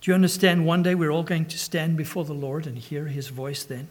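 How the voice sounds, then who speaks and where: Impassioned male preacher, fairly high voice. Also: level tone, brisk. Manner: dramatic storytelling, swinging from urgent to hushed. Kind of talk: sermon.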